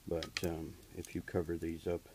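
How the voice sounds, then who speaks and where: This deep-voiced HVAC technician talks monotone at a moderate pace, giving a plain, step-by-step explanation of a hands-on repair with frequent fillers. He films on a handheld camera as he works in a basement furnace area and on the workshop floor, with background noise audible.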